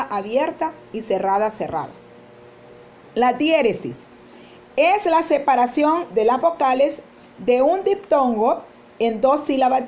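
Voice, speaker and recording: A woman teacher explaining poetic meter in a spoken lesson, slowly sounding out example lines syllable by syllable. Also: high-pitched, a little mellow.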